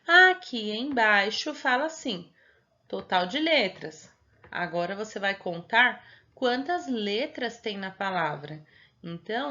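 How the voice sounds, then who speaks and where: A woman's voice: medium pitch, pushed and bright, muffled recording. A Brazilian Portuguese-accented woman teacher patiently explaining homework step by step to young children, often checking they follow. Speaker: primary school teacher.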